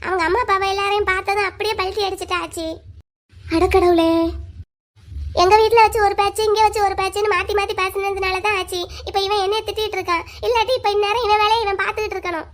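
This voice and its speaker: A woman voicing a bold, outspoken young married woman who argues back quickly in a cartoon. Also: very high voice, steady tone. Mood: indignant. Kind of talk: Tamil cartoon voice acting.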